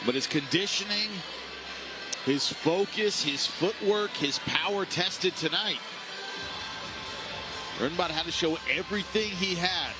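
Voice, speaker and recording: A man's voice: high voice, measured pace, long pauses, over music. A man hosting live boxing commentary in emphatic, punchy short phrases. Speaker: boxing play-by-play commentator and broadcast host.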